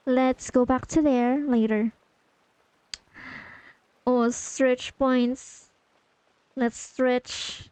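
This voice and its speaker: Slow, chatty female game streamer. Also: a little high, dark tone, no echo. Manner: chatty, giggly, talks to her chat. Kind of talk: casual livestream commentary.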